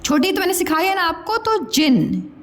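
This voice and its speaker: Very high-pitched and very animated, this woman teaches Hindi to young primary pupils slowly and lilting. She stretches out each syllable, asks the children questions, and addresses the listener as "beta" (child).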